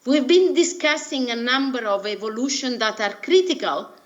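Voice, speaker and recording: A woman from Italy with an Italian accent gives a formal, haltingly phrased presentation over a video call. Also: on the high side, expressive. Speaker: presenter at an online workshop. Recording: dull, muffled video-call audio.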